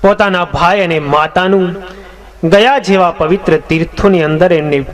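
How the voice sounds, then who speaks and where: A man, a swami, narrating a scripture story in a measured, dramatic storytelling manner. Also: high voice.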